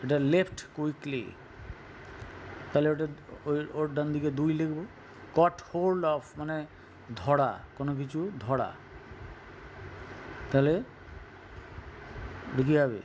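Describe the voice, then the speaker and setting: A Bengali-accented male teacher working through a textbook page for students, his pitch sitting a little high. He talks in an unhurried, drawn-out way, with a faint hiss behind the voice. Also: darkish tone. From West Bengal, India. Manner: explains word meanings slowly, mixing English and Bengali. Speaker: school English teacher. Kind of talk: recorded online class lesson.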